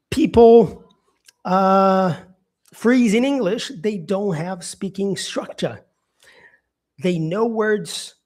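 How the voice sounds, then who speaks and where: A man from Brazil teaching English in a live stream, speaking slowly with many "yeah" and "um" fillers, repeating and rephrasing his points. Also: sits high, darkish tone. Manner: repeats himself, answers viewer comments, frequent "yeah" and "um".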